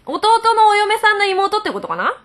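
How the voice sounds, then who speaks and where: A radio host woman with a high, lively voice, chatting playfully and giggling as she reads out listener letters, bright and sparkling in tone. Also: normal speed. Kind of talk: casual radio chat, reading listener mail.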